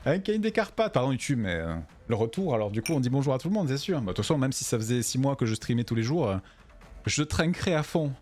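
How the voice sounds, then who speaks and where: A man's voice: medium pitch, sing-song, quick pace, darkish tone. A tired man streaming a game from home, chatting with his viewers and tripping over his words. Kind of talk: casual gameplay commentary.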